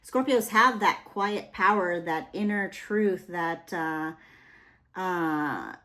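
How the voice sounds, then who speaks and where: Young woman doing a tarot reading, kinda low voice, rambly and chatty, lots of "you know". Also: lively intonation, slow, pushed and bright. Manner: rambling, chatty, with many fillers. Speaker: tarot reader.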